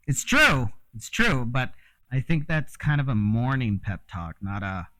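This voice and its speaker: A man's voice: mid-range voice, expressive, slow pace, bright, forceful tone. A man who grew up in Mexico, talking in a rambling, frank casual monologue with frequent fillers and the odd curse. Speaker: host.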